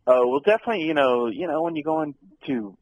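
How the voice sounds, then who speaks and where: A man's voice: on the high side, expressive, fast, no echo, low-quality recording. A young adult man, an actor being interviewed, chatting casually with many ums and restarts and laughing easily.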